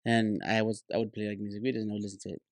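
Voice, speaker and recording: A man's voice: on the low side, little pitch movement, very fast, vocal fry, a crowd in the background. A man in his thirties co-hosting a podcast, casually explaining things to younger guests. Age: 30s. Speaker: podcast co-host. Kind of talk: casual chat.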